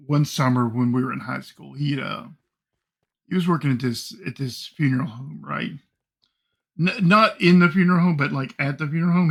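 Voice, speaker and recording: A middle-aged man streaming his game and telling a long personal story in a rambling, halting way, full of fillers and swearing. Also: mid-range voice, creaky, fairly bright tone. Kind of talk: casual storytelling while gaming.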